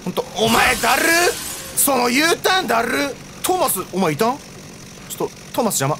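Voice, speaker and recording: High, animated gamer guy. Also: brisk, vocal fry, a little hiss or hum. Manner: animated, joking, talks back at the screen. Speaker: let's play streamer. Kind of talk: gameplay commentary. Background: game music.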